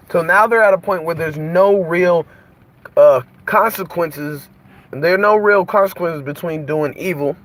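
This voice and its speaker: Male host, preaching monologue; fervent, repetitive, rhetorical questions, somewhat high voice.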